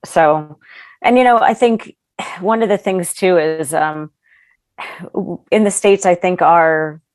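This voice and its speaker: A woman's voice: lowish voice, slow pace, darkish tone, no room sound. A woman coach talking as a podcast guest, earnest and thoughtful, with some hesitant restarts. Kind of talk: casual interview chat.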